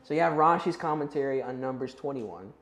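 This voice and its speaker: A man with an expressive, mid-range, slightly bright voice teaches a youth Bible class at a fairly quick pace. He keeps it casual and conversational, checks in with his listeners, and seems unsure how to pronounce some Hebrew and Greek words, all in a room with noticeable echo.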